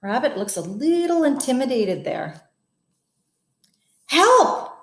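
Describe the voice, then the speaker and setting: In a roomy-sounding space, a guest reader with a fairly high voice slowly reads a bedtime story aloud for children. She's expressive, talks straight to the kids, and asks wondering questions along the way.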